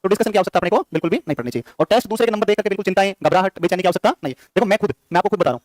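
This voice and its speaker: A man's voice: high-pitched, expressive, darkish tone, dry recording. A male teacher giving a classroom lecture, quizzing his students over and over. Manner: rapid, repetitive quizzing of students. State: short on sleep.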